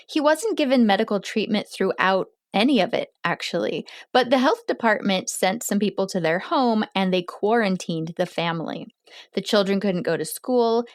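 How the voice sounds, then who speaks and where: A woman hosting a podcast, reading a true crime story in a measured, steady way. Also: medium pitch, no echo, studio quality. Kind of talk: scripted true crime narration.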